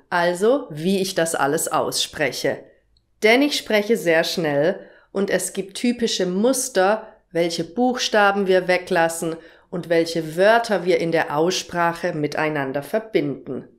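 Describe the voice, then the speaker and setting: A young woman teaching German, explaining everyday phrases and their pronunciation with example sentences. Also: fairly low pitch. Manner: slow, clear explanatory delivery with example phrases.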